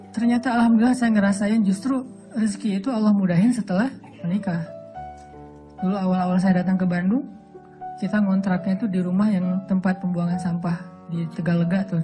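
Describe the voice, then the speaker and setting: A man from Aceh giving a humorous religious talk as a preacher, telling stories in a lively way and acting out quotes in a raised voice. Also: high-pitched. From Aceh, Sumatra. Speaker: Islamic preacher.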